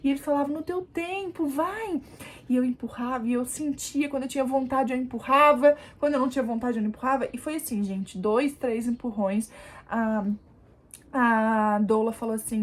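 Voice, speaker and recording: A young woman with a high voice tells a personal story to her camera. She talks casually and animatedly, turning to her viewers often as she shows what happened. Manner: animated, addresses viewers as "gente", demonstrates positions. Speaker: vlogger, new mother.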